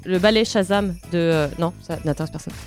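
A woman's voice: fairly low pitch, fairly quick, a little mellow, faint music behind. A woman on a casual radio chat, playful and self-mocking.

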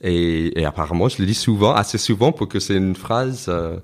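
Guest: American man, very low voice, non-native French with an American accent, reflective, halting storyteller. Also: lively intonation. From United States. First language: English. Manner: reflective, anecdotal, halting with frequent restarts. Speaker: guest, author. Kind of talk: casual interview conversation.

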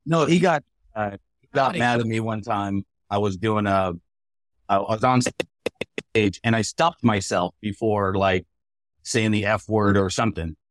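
A man's voice: lowish voice, measured pace, no room sound. A man who does comedy, telling a club story in casual chat and mimicking the crowd. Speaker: comedian guest.

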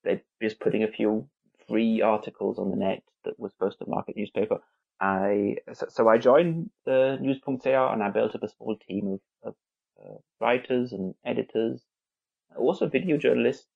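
An Englishman in his forties, who heads visuals at a newspaper, appears as a guest on an interview podcast, speaking conversationally with lots of restarts and fillers. His voice sits fairly low at a normal speed, gravelly with a breathy edge. The audio has a phone-quality sound.

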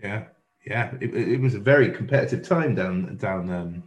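Guy interviewing, bit low pitched, casual and encouraging, echoey room sound. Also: moderate pace. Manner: encouraging, uses tag questions. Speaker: interviewer, host. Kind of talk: casual chat. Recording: roomy, echoing sound.

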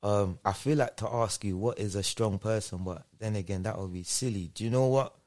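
A man with a London roadman accent answers interview questions as a guest, using casual street slang in a lowish, darkish voice that moves fairly quickly. He repeatedly uses checking tag phrases to make sure the listener is following him.

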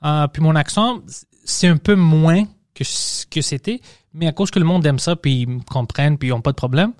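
Un homme qui anime un podcast en conversation détendue, jurant volontiers et glissant des mots anglais dans son français. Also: male voice, a little high, normal speed, a little mellow, dry recording, clean studio sound. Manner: casual, swears freely, mixes English words into his French. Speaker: podcast host. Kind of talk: casual conversation.

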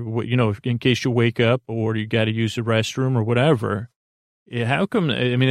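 Creaky-voiced and unhurried in spirit, a man meanders through a bedtime monologue for his sleep podcast, downplaying himself and stumbling through hesitant, interrupted sentences. It's studio-quality audio without echo.

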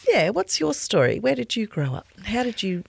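A middle-aged woman hosting a podcast, warm and encouraging, stacking several questions at once. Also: medium pitch, sing-song, moderate pace, vocal fry, husky, no echo. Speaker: podcast host. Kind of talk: casual interview chat.

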